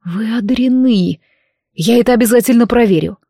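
A woman voicing a wounded man-dragon who speaks hoarsely and softly. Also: a little high, brisk, no room sound, studio quality. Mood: tender.

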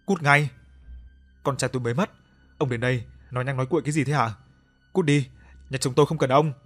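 Guy voicing an angry dad in an audio story, shouting, soft music behind. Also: mid-range voice, fairly even intonation, fast talker, close to an everyday voice. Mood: furious. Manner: shouting, abrupt. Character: angry grieving father, older man.

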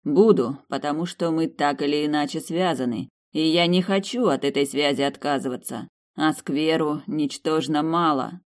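Woman reader doing a teasing male demon, slow and sly, audiobook. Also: deep voice, close to an everyday voice. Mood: stern. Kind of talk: audiobook character voice.

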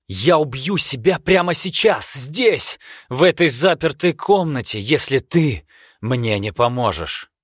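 A cornered young noble who pushes his voice up high and hard in tense, emphatic bursts, as a male narrator puts him on. His voice is pitched well above the narrator's deep one. The sound is close and dry. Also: very animated, measured pace, dry recording. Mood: desperate.

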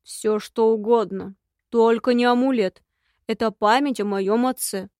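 A woman's voice: fairly high pitch, fairly even intonation, measured pace, darkish tone, dry recording, clean studio sound, close to an everyday voice. A woman voicing a fawning, lying man trying to make up with his wife, in an audiobook. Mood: pleading. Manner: wheedling, fawning. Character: fawning estranged husband, sly liar. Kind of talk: audiobook reading.

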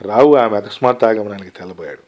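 A man narrating a short story aloud in a calm, measured storytelling manner. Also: lowish voice. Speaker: story reader.

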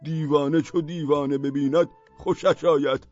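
A man voicing a grandiose, defiant madman ranting from a rooftop, loud and bossy, laughing between his shouts. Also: steady tone, natural voice. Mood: mocking. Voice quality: loud shouting, high strained voice. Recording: dull, dry, with faint music.

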